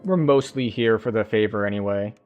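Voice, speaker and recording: A man's voice: fairly low pitch, brisk, phone-quality sound, faint music behind. A man giving casual gameplay commentary, often muttering to himself. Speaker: gamer playing and commenting.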